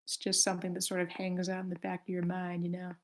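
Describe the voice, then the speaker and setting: Talking fast in a fairly low, monotone voice, a woman hosts an online table read on a voice call, casually and politely organizing the group and deciding who reads which part.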